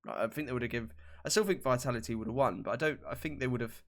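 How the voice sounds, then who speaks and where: A man's voice: mid-range voice, rapid-fire. Male podcast co-host, casual banter, salty language, teasing impressions. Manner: banter-heavy, swears freely, mocks with put-on voices. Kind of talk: casual chat.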